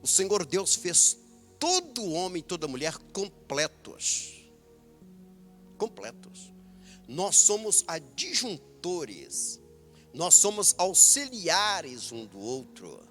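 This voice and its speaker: A male pastor with a Brazilian accent preaching a sermon, emphatic and animated, laughing often. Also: sits high, takes it slowly, soft background music. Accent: Brazilian Portuguese.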